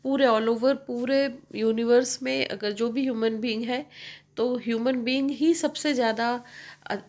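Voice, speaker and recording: A woman English teacher, explaining slowly and mixing in English phrases while checking in with her students. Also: a little high, steady tone, a little mellow. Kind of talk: bilingual classroom explanation.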